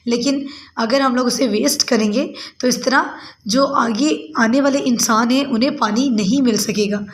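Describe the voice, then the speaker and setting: A woman teacher gives a lesson to young pupils. She calls them "beta" and fills her pauses with "uh". She slows down to read English words aloud. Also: on the high side, a little hiss or hum. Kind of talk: recorded class lesson for children.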